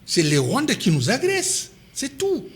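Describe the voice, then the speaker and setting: A political commentator and party official with a Congolese accent is an interview guest. He speaks insistently and repeats key points for force. His voice is very high and swoops wildly in pitch, at a moderate pace.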